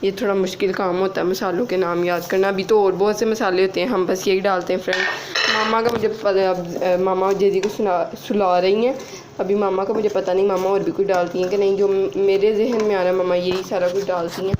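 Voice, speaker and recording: A young woman chats her way through a recipe in her home kitchen, talking straight to viewers as friends. Her voice sits at an ordinary middle pitch. She often breaks into giggles. A faint hum of kitchen noise runs underneath. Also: fairly even intonation, brisk. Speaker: vlogger. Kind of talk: casual cooking vlog.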